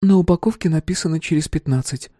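A high, husky young wife, fretful one moment and teasing the next, as a male audiobook reader puts her on. Her tone is soft and dark rather than bright. The sound is dry and close, with no room around it. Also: fast, no echo, lightly acted. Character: anxious, sharp-tongued young wife. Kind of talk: audiobook character voice.

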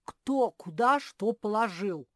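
A woman's voice: mid-range voice, expressive, unhurried, a little mellow, no room sound, studio quality, natural voice. A woman voicing a cheeky, boastful little boy bear cub, whining and easily muddled, in a storybook reading. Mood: indignant.

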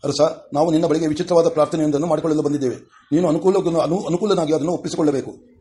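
A man voicing a wise, stately male teacher of the gods, in a measured, formal audiobook reading. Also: a little high, steady tone, dark tone, close to an everyday voice.

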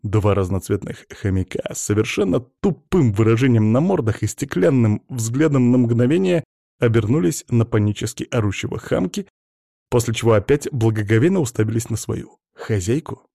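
A man reading a science-fiction audiobook in a lively, expressive way. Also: medium pitch, moderate pace, gravelly, no echo, clean studio sound. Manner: lively, voices many characters. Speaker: audiobook narrator.

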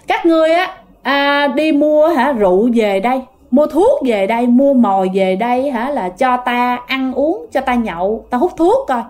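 A woman's voice: high voice, animated, moderate pace, darkish tone, faint music behind. A woman voicing a demon possessing a teenage girl, speaking arrogantly and threateningly in a storytelling. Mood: commanding.

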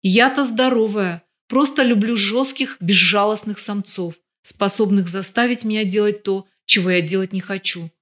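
A woman's voice: mid-range voice, normal speed, few pauses, a bit bright, close to an everyday voice. A woman reading as a brash, mocking young woman. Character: bold scheming young woman, mocking and tough.

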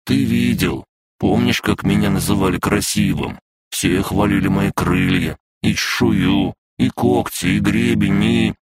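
A man's voice: low voice, steady tone, over a noisy crowd, pitched above the performer's own voice, natural voice. Man doing a whiny little dragon. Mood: sulky. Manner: whiny, drawn-out, pleading. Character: sad childish little male dragon familiar. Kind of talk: audiobook character voice.

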